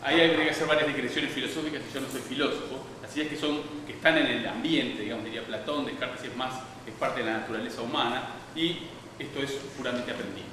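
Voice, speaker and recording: A man gives a public science lecture, wandering through his points with frequent restarts and fillers. He sounds distant from the microphone in a very echoey hall. A steady noise sits behind his voice. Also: medium pitch, fast talker. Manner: digressive, many restarts and fillers.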